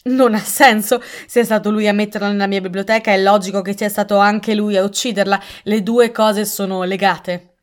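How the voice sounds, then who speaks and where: A woman reading aloud and voicing a stiff, indignant elderly English colonel with a gruff, pompous manner. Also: mid-range voice, fairly even intonation, normal speed, close to an everyday voice.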